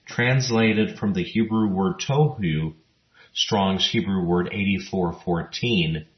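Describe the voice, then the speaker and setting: Deep, slow-spoken man teaching scripture. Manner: measured, even reading of scripture verses. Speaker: Bible teacher. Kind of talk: scripted Bible teaching narration. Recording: roomy, dull lo-fi recording.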